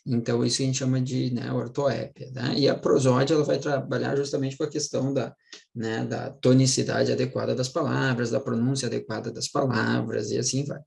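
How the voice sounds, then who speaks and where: A middle-aged man gives a relaxed online grammar lesson, his mid-pitched voice roughened by a gravelly fry. He talks to his students like friends, checking in after nearly every phrase and slowing down to lean on the words he wants them to remember. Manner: chatty, keeps checking in with "tá?" and "né?"; slows down and stresses words to explain them. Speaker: Portuguese teacher for exam prep. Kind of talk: casual recorded online lesson.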